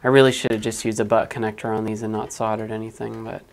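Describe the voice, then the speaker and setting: Fast and gravelly, this medium-pitched voice has little pitch movement. It belongs to a livestreamer wiring up a 3D printer in a cramped, hot room at home, chatting casually, muttering, and cursing from time to time.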